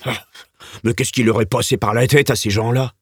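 A man's voice: mid-range voice, steady tone, moderate pace, slightly rough, no echo. A man voicing a dry, wiry governess who mutters scornfully about her masters. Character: grumbling dry, wiry middle-aged governess.

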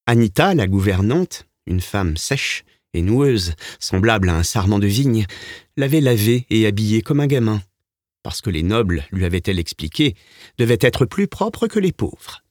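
A man's voice: lowish voice, big pitch swings, moderate pace, a little mellow, no echo, clean studio sound. A man narrating a novel as an audiobook, telling the story expressively. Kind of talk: scripted narration.

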